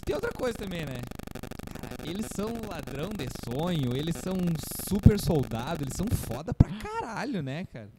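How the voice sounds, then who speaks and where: A man's voice: on the high side, big pitch swings, fairly quick. A man co-hosting a podcast, chatting casually about a film in a rambling, enthusiastic, slangy way. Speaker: podcast co-host. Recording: noisy recording with clicks.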